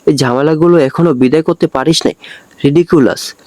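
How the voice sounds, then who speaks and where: A short-tempered, arrogant boss snaps curt, harsh orders, voiced by a man reading the story. His voice sits fairly high. It sounds dry and close to the mic. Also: a little fast, darkish tone, dry recording, close to an everyday voice. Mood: angry.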